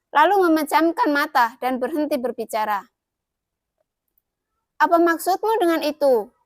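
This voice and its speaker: A woman narrating an audio novel in a steady reading voice. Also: sits high, dry recording, clean studio sound.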